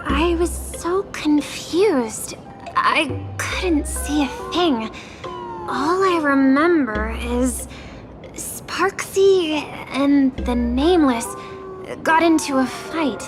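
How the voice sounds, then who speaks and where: Very slow, dazed childlike bystander. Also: female voice, high-pitched, expressive, full character voice. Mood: confused. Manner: dazed, drawn-out. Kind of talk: video game voice acting. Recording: music under the voice. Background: music.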